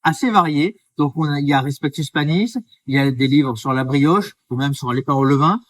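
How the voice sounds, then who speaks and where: A man's voice: fairly high pitch, a little fast, a bit bright, recorded from a distance. A man from the Drôme who works as a baker, answering interview questions in an earnest, explanatory way. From France, Drôme. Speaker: baker, guest.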